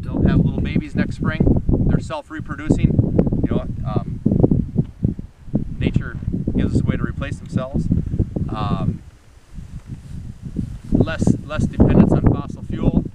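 A man's voice: a little high, huge pitch swings, normal speed, creaky, pauses often. A man in his forties, a farmer, talking casually to a phone camera outdoors in a field, folksy and rambling with many fillers. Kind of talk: casual vlog introduction. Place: outdoors in a farm field beside draft horses. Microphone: phone camera a few steps away. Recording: distant, dull phone audio with loud outdoor noise.

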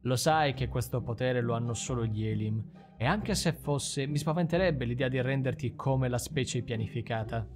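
A man voicing a solemn, gently apologetic male wind spirit bearing bad news in a read-aloud story. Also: mid-range voice, normal speed, music in the background, lightly acted.

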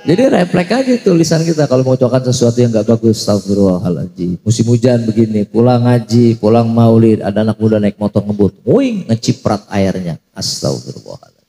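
A man's voice: medium pitch, expressive, brisk, few pauses, warm tone. A man giving a humorous mosque sermon, telling jokey stories and chanting prayers. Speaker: preacher. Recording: echoey mosque hall.

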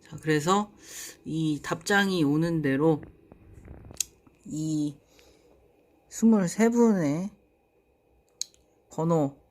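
A woman's voice: low-pitched, very slow, long pauses, darkish tone. A woman hosting her own channel, speaking in a formal, polite presenter style as she addresses viewers. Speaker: host of a sports prediction channel. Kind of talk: giveaway announcement to viewers. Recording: music behind the voice. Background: music.

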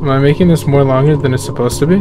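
A man's voice: medium pitch, fairly even intonation, rapid-fire, music in the background. A man streaming his first playthrough of a horror game, swearing, trash-talking and reacting to scares as he plays. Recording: noticeable background noise.

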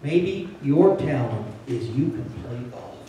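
An older pastor gives a sermon at the front of a large sanctuary with a handheld mic, his medium-pitched voice slow, mellow and sing-song. He stays plainspoken and conversational, then climbs to urgent emphasis. Filmed from a distant camera, the recording is very echoey and carries a little hiss or hum.

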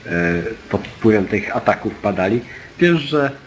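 A man's voice: fairly low pitch, animated, a little slow, a little hiss or hum, rough recording. A man acting as game master, steadily explaining dice rules and turn order to the players. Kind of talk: running a tabletop game.

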